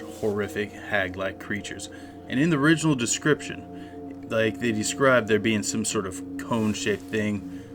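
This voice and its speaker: A man co-hosting a paranormal discussion, talking through folklore theories in a measured, speculative way. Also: lowish voice. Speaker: podcast co-host. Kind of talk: conversational analysis of folklore and the paranormal. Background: clear music.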